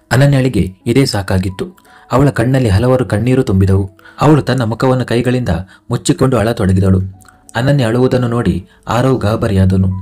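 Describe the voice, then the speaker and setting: A man reading a romance story aloud as a storyteller in steady scripted narration. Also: mid-range voice.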